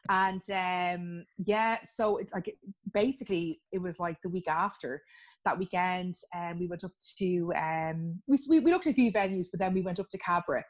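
A woman from Ireland, the guest in an interview, talks loosely about her delayed wedding, breaking into laughter and restarting lines as she goes. Her voice sits on the low side at a normal speed, and the audio is dull.

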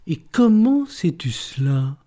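A skeptical old police inspector voiced by a man in an audiobook. He speaks bluntly and with a dry, ironic edge. The tone is mellow and somewhat high. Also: very animated, slow.

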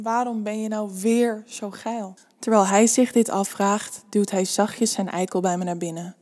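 Soft-spoken woman reading aloud. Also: mid-range voice. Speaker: erotic story reader. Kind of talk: reading an erotic story aloud.

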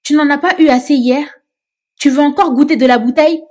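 Mame Sophie, a shrill shouting matriarch, as a woman puts her on. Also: a little fast, natural voice. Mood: furious. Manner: shouting, defiant. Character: fierce shrill older woman leading protest.

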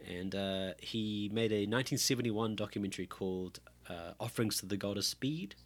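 A man's voice: on the low side, brisk. A man co-hosting a casual film podcast, rambling through tangents and laughing often. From New Zealand. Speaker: podcast co-host.

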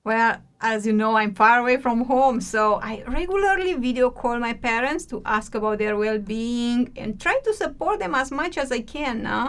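Very slow-speaking high-voiced woman teacher. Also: animated, a bit bright, clean tone. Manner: slow and deliberate, tags lines with "no?" and "yeah?". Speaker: radio co-host, English teacher. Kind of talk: bilingual radio English lesson.

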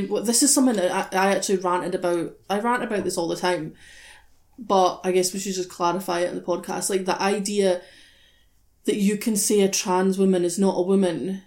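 A woman with a darkish, mid-range voice hosts a podcast discussion that is impassioned and opinionated. She speaks emphatically and passionately, swearing plenty.

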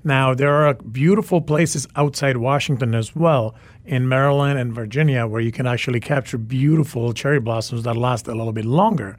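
A man's voice: mid-range voice, normal speed, hardly any pauses, dry recording. A man in his forties, a native Czech speaker, guest on a radio interview, who talks enthusiastically and repeats words for emphasis. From Czech Republic. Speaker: photographer.

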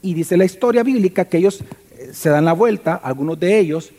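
A man with a high voice preaches in a church hall, and long reverb trails each phrase. He tells the story with animated energy and keeps turning to the congregation with questions. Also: brisk. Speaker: pastor. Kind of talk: sermon.

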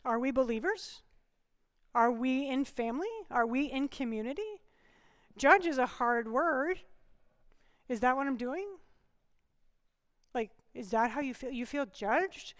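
A woman's voice: high-pitched, animated, measured pace, long pauses, in a large hall. A woman preaching a conversational sermon with humor, often asking the congregation questions.

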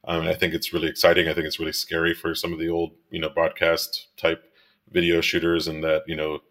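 A man in his thirties from Miami talks as a guest about his photography and directing work. His voice sits very low and deep, and he rambles loosely, with lots of fillers and restarts. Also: completely flat delivery, fast, fairly bright tone. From Miami, United States. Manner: rambling, many fillers and restarts, laughs easily. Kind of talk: casual interview conversation.

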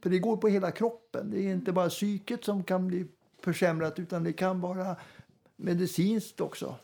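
A man in casual group talk, musing reflectively with gentle humor. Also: high-pitched, steady tone, vocal fry. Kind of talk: casual chat.

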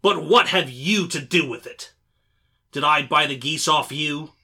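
A man's voice: on the high side, expressive, pushed and bright. An actor playing a surly, hot-tempered poultry salesman who blusters and argues. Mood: furious. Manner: blustering, combative, quick to anger. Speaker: market stall salesman.

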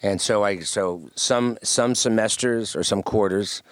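A low-voiced man chats easily as a guest, rambling through stories and often starting sentences over. His voice sits close and dry on the mic, with no room sound around it. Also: unhurried, no echo. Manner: relaxed, rambling storyteller with many restarts. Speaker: guest musician. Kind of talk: casual interview chat.

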